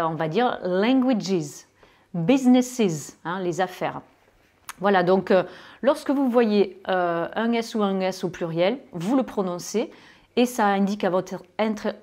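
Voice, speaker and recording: In this spoken lesson, a southern French-accented woman coaches French speakers on English pronunciation. She stretches out the English example words, pausing often and filling gaps with fillers, in a mid-range, somewhat dark voice.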